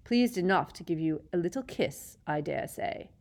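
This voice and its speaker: A woman's voice: fairly low pitch, expressive, moderate pace, darkish tone. A woman doing a sneering, bitter male schoolmaster. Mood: menacing. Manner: sneering, silky, rising to shrieks. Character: cold, bitter male potions teacher, middle-aged.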